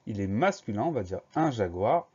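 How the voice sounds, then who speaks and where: Man spelling out words slowly. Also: lowish voice, big pitch swings, darkish tone, husky. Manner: slow, careful letter-by-letter spelling. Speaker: teacher. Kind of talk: spelling lesson for primary pupils. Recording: slightly dull lo-fi recording.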